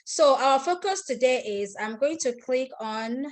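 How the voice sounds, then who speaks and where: With a high voice, lively intonation and a measured pace, this native Igbo speaker from Nigeria walks her online class through a screen-shared lesson on a video call. She goes one step at a time, says things more than once and puts questions to the attendees.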